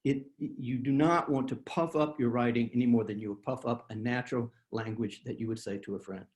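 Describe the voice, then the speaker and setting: A man's voice: medium pitch, steady tone, fairly quick, darkish tone, reverberant. A man giving a writing workshop on a video call, plain-spoken and self-deprecating, with frequent fillers and restarts. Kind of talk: webinar presentation.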